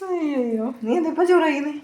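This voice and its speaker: A woman in her thirties narrates a casual family vlog as she walks outdoors on a rural road. She chats to her viewers and keeps calling out to her young children. Her phone picks up clear background noise from outside. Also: high voice, animated, quick pace, dark tone. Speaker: vlogger and mother.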